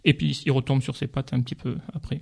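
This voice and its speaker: A man talks through crime novels in a relaxed radio chat, his voice gravelly with fry. He hesitates often, filling gaps with pauses while he hunts for the right word. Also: mid-range voice. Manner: hesitant, searching for words with many fillers. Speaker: book reviewer.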